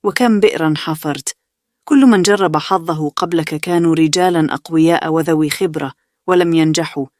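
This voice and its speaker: A woman's voice: sits low, brisk, a little mellow, dry recording, studio quality, close to an everyday voice. A woman reading the part of a sarcastic older brother, a young man, in a bedtime story. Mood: jeering. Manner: sarcastic, jeering.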